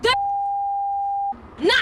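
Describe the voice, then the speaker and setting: An actress playing a wild young woman who rants and shouts slogans in a film scene, with traffic noise outdoors. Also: drawn-out words. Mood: ranting. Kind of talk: film acting.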